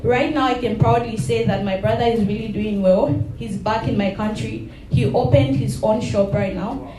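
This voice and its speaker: Soft-spoken woman from Zambia. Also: a little high, normal speed, a little hiss or hum. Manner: soft-spoken, hesitant, with fillers. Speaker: guest speaker. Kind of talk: personal testimony at an event. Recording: roomy sound from a distant mic.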